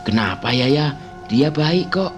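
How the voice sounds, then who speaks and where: A man voicing a curious, bossy young girl who asks lively questions and scolds her friend, over background music. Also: mid-range voice, slow, pitched above the performer's own voice. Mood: questioning. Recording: music playing underneath.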